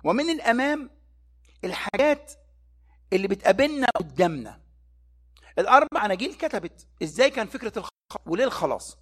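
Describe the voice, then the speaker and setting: A man's voice: high-pitched, very animated, fast talker, long pauses, a bit bright, slightly rough. A man with an Egyptian Arabic accent giving a Bible study sermon, who keeps posing rhetorical questions to his listeners and answering them himself.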